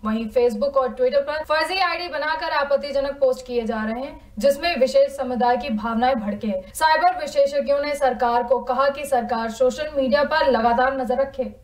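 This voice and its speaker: A woman news anchor reading a bulletin in a brisk, even, scripted delivery. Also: high-pitched. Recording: echoey room, distant mic.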